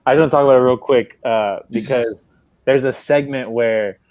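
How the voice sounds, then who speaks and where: A man chatting about wrestling on a livestream, retelling scenes with plenty of energy and breaking into laughs. His voice sits at an ordinary pitch for a man. The sound is close and dry, with no room echo. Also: moderate pace. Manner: animated storytelling, laughs while retelling. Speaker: podcast co-host. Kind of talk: casual wrestling chat.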